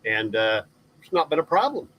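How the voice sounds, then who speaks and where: A man co-hosting a casual chat, talking in a halting way as he searches for words. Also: medium pitch, big pitch swings, a bit bright, low-quality recording. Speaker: host of a live RV chat.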